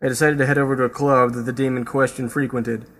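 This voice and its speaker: A young man doing a deadpan noir private-eye narrator. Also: medium pitch, fast talker, close to an everyday voice. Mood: world-weary. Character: world-weary male private eye narrating. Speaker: voice-over narrator. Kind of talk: hardboiled film noir narration parody. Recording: long reverb with loud music.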